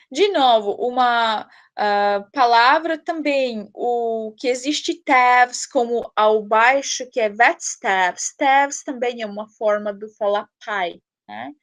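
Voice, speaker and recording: High-voiced slow careful woman teacher. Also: a bit bright. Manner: slow, careful word-by-word pronunciation; explains patiently, checks with "né?". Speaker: language teacher. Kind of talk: online language lesson.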